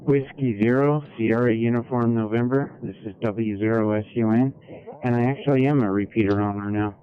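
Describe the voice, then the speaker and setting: A man's voice: mid-range voice, steady tone, brisk. A ham radio operator checking in to the net over a two-way radio with static, giving his call sign phonetically in plain, procedural radio talk. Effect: heard over a two-way radio with static. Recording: tinny, narrow radio transmission.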